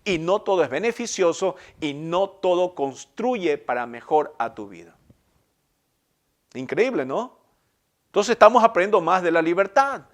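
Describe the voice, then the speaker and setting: A male pastor preaching a sermon in an earnest, emphatic way, swelling on key phrases and letting line endings fall soft. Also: sits high, big pitch swings, a little slow. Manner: earnest, emphatic preaching with rising bursts and soft trailing ends.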